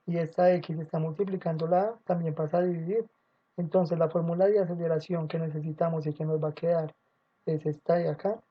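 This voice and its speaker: A man's voice: on the high side, lo-fi sound. A man teaching a physics lesson, working through equations step by step and speaking directly to his students in a patient, methodical way.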